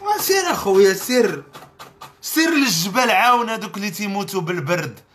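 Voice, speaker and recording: Animated sarcastic Moroccan man. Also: sits high, a little fast, faint music behind. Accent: Moroccan Arabic. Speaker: podcast host. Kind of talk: comedic rant commentary.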